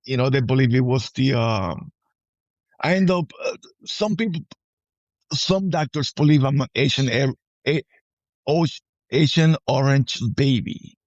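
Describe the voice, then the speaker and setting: A Puerto Rican man in his forties, an army veteran, speaks as a guest on a podcast in a relaxed personal conversation. His mid-range voice is halting; he repeats words and keeps checking in with "right?". The recording is muffled, with no room sound.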